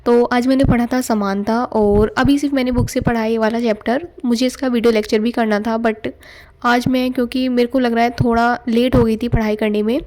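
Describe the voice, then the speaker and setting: Young female vlogger, casual chatty narration, fairly high voice with a warm mellow timbre. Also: fairly even intonation, brisk. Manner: chatty, loose Hindi-English mix with fillers. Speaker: exam aspirant vlogger. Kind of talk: casual study vlog narration. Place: at home.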